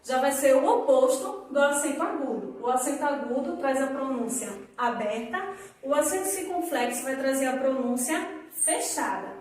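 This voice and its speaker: A woman teaching young children in a recorded lesson, drawing out example words slowly for them to repeat. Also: high voice, expressive, darkish tone. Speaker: primary school teacher. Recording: echoey room, voice from a distance.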